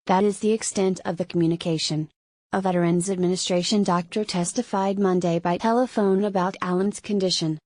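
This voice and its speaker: A woman's voice: lowish voice, fairly even intonation, fairly quick, a little mellow, dry recording. Woman reading news, close dry sound. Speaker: news narrator. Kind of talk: scripted news article narration.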